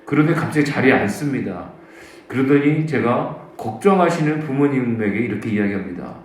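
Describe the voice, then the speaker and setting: 교회 예배당에 울리는 남성 목사의 간증 설교. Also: male voice, medium pitch, lively intonation, normal speed, slight background noise. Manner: storytelling, acts out quoted voices. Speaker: pastor. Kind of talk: sermon with personal testimony. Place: church sanctuary. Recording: very echoey church hall.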